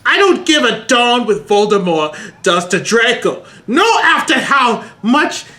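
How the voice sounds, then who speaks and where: A woman's voice: a little high, very animated, unhurried, sharp tone, pitched above the performer's own voice, full character voice. A woman voicing a mean, grumpy old male headmaster wizard in a scornful, huffy way.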